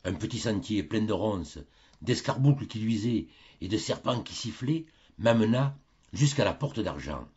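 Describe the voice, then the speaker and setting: Un homme qui lit un conte classique en livre audio, de façon théâtrale et expressive. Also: male voice, lowish voice, moderate pace, breathy edge, highs cut off. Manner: theatrical, varied intonation. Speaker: audiobook narrator. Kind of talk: expressive storytelling reading.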